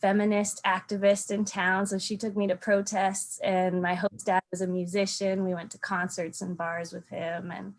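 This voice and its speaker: As a podcast guest, a young Alaskan woman discusses travel and home in a relaxed interview, earnest and reflective, with lots of ums. She has a mid-range voice with little pitch movement, speaking at normal speed and hardly pausing.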